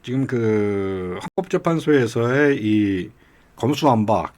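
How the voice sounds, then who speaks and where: A man's voice: medium pitch, expressive, slow pace, a little mellow. Rambling middle-aged male political commentator. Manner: rambling anecdotal storytelling with chuckles; acts out regional dialect quotes. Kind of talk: casual political talk.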